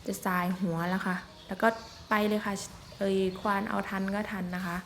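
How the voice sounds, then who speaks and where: A woman's voice: mid-range voice, flat delivery, moderate pace, gravelly, slight background noise. A woman chatting politely and casually as she narrates an outdoor vlog in the forest. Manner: chatty, polite, with frequent soft particles. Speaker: vlogger filming elephants.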